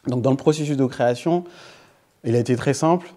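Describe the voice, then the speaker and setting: Brief: mellow-voiced man in his forties, interview guest who keeps restarting sentences, recorded in an echoey room. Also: medium pitch, fairly quick. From Senegal. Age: 40s. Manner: animated storyteller, frequent hesitations and restarts. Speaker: guest author. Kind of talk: interview answers.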